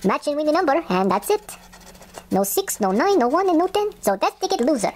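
A woman's voice: sits high, very animated, a little fast. A woman putting on a Russian accent, hosting with casual play-by-play narration as she goes. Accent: put-on Russian. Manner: talking in a put-on Russian accent. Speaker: host of scratch ticket videos. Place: indoors at a wooden table. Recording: faint scratching noise, home recording. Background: scratching of lottery tickets.

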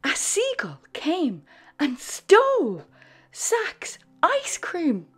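Over background music, a woman reads a storybook to young children very slowly, in an animated, sing-song manner. Her breathy voice sweeps lively up and down in pitch as she performs the scripted story.

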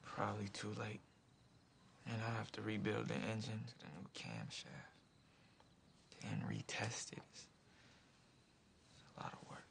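A man's voice: lowish voice, sing-song, unhurried, vocal fry, pauses often, fairly bright tone, slight background noise, heavily acted. A young man with an American accent playing a downbeat teenage son in a film drama. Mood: dejected. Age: young adult. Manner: downbeat, muted. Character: dejected teenage son, mechanically minded. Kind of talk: naturalistic film drama acting.

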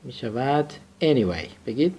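Man teaching a lively vocabulary class. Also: medium pitch, a little hiss or hum. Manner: explains grammar and drills students to repeat phrases. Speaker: English teacher.

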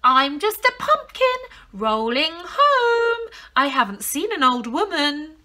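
A woman voicing a crafty little old grandmother in a high, squeaky, sing-song voice. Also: big pitch swings, slow pace, pushed and bright, heavily acted.

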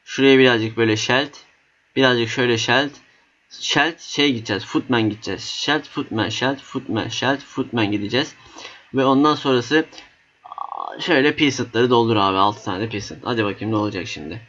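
A young man giving excited, swear-laden commentary while playing a battle simulator game, cheering on his units. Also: mid-range voice, fairly quick. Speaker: gaming YouTuber. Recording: slightly dull lo-fi mic.

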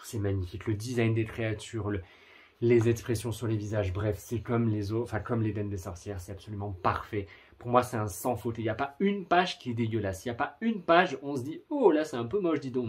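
A man's voice: medium pitch, husky. A man giving a casual video review of manga, gushing with superlatives and adding apologetic asides.

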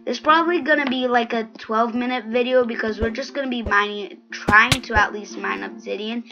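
A woman's voice: fairly high pitch, brisk, highs cut off. A woman hosting a gaming channel, giving casual gameplay commentary with sarcastic, grumbling asides.

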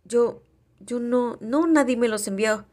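A woman's voice: on the high side, slow pace, a little mellow. A woman reading a storybook voicing a frightened young male captive who stammers and pleads. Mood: pleading.

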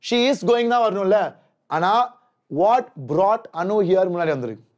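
A man's voice: sits high, expressive, rapid-fire, a little mellow. A man in his thirties with a South Indian Tamil accent teaches an informal exam-revision lesson, repeating phrases and quizzing listeners as a native Tamil speaker. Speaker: English grammar teacher. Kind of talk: live exam-revision lesson, mixing two languages. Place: indoor studio at a digital board.

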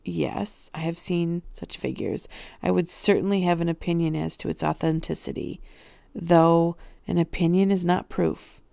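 A woman voicing an elderly male professor who speaks in a measured, careful way, in a storybook reading. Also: lowish voice, fairly even intonation, creaky, dark tone, dry recording.

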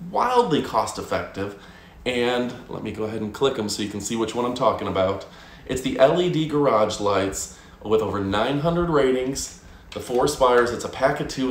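A man in his thirties hosting a live product review from his home studio, upbeat and salesy, calling his viewers folks. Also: mid-range voice. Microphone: fixed camera, moves around the room. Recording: roomy home studio echo, faint noise.

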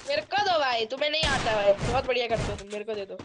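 A very high-pitched woman chatting with her squad during a shooter match, pushy and teasing, hyping every kill. Gunfire and game sounds are clearly heard behind her. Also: fast talker, noisy background. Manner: teasing, pushy, hypes kills. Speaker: squad teammate. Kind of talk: live gaming voice chat.

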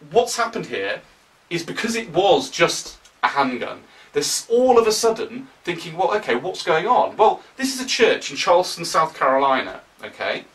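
A young man with a British accent giving animated, opinionated commentary to camera, often sarcastic. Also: fairly high pitch, distant mic, low-quality recording. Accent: British English. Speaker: political vlogger.

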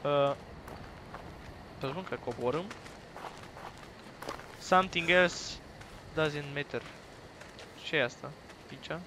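A young man from Romania commentating a horror game he is playing, with crude jokes and sudden loud yells at the screen. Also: a little high, pauses often, background noise. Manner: crude joking banter, bursts into loud yelling at the game. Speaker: gaming YouTuber.

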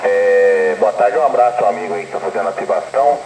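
A man's voice: medium pitch, huge pitch swings, fast talker. Man on a noisy radio transceiver. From São Paulo state, Brazil. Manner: friendly, chatty, spells call signs phonetically. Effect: heard over a ham radio transceiver. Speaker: ham radio operator calling in. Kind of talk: amateur radio contact with call signs. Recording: echoey, noisy radio signal.

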